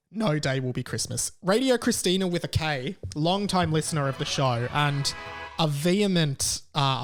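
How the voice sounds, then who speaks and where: A young man in his 20s from Melbourne, Australia hosts a casual solo podcast. His fairly bright voice sits a little higher than most men's, and he rambles conversationally, often repeating words for emphasis.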